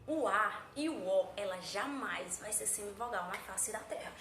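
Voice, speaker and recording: A woman teaching grammar in a lively way. She often checks in with her students and answers the questions she expects them to ask. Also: medium pitch, moderate pace. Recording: echoey room with faint ambient noise.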